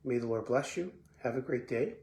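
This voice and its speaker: A man from Belgium giving a short, relaxed devotional talk as a pastor, often repeating words and pausing with fillers. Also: mid-range voice, creaky. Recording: echoey room with faint background noise.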